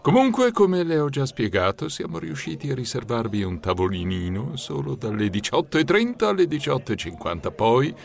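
An actor voicing a haughty, condescending waiter in an audiobook. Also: male voice, mid-range voice, very animated, normal speed, vocal fry, hardly any pauses. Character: smug snooty male waiter. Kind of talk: audiobook character voice.

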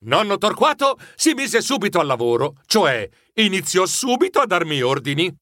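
A man narrating a children's story in an expressive, dramatic first-person style. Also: sits high, normal speed, no room sound, studio quality. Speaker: audiobook narrator.

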